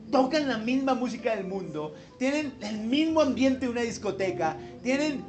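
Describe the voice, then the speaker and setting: A man preaching a sermon as pastor, emphatic and conversational, with wry asides, over background music. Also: very high-pitched.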